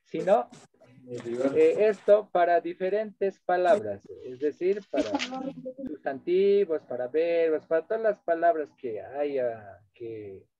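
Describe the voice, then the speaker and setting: A man's voice: fairly high pitch, mellow. A man lecturing as a translation course instructor, explaining patiently and checking in with his listeners as he switches between two languages. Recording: dull dry lo-fi audio.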